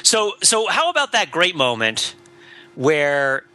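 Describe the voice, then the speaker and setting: A male podcast host in loose, casual chat, rambling and animated with plenty of fillers. His voice is very bright and sharp, set a touch higher than most men. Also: slow.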